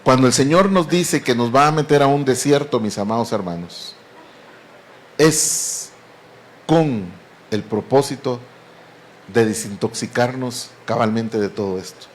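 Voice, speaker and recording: A man's voice: mid-range voice, measured pace. A man preaching a sermon, earnestly and often addressing the congregation as beloved brethren.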